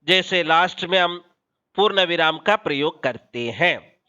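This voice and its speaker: Guy teacher doing a grammar class, smooth clear voice, kinda dull lo-fi sound. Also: on the high side, expressive, pushed and bright. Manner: slow, deliberate explanation with pauses. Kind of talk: Hindi grammar lesson.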